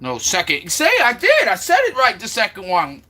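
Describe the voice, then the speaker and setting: A man's voice: sits high, wildly swooping pitch, moderate pace, bright, forceful tone. A man from Florida chatting casually on a live stream, talking to viewers and sounding out their names over and over. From Florida, USA.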